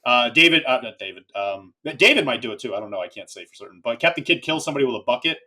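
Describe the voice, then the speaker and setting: Man, podcast host, fast talker, bright tone, rambling casual chat. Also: medium pitch. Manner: animated, rambling, lots of filler asides.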